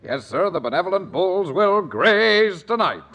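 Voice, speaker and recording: A man's voice: high-pitched, sing-song, measured pace, bright, forceful tone, full character voice. An actor playing a pompous, fussy middle-aged father in a 1940s radio sitcom. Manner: pompous, sings and moos. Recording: dull old radio recording.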